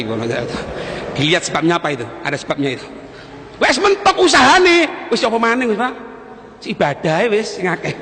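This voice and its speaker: A man preaching a Ramadan sermon in a mosque, swinging between loud stressed phrases and low, joking asides. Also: a little hiss or hum. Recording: long hall reverb in a mosque.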